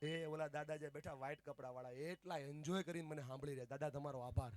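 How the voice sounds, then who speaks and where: A man giving an animated motivational speech to a family gathering, leading the crowd in call-and-response chants. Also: fairly high pitch, fast talker, no echo. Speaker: motivational speaker. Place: outdoor party venue.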